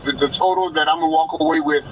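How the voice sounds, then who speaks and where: A man speaking as a homeowner on a three-way phone call, halting and stammering over his words. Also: on the high side, fairly even intonation, fairly bright tone. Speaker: homeowner facing foreclosure. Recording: dull phone line, faint noise.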